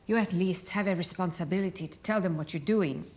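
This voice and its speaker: An actress playing a worried, blunt and unyielding wife, arguing reproachfully and emphatically in a film drama. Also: female voice, on the low side, a little fast, a little mellow, slight background noise, natural voice. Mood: worried, challenging. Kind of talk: film drama acting, marital argument. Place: dining room indoors.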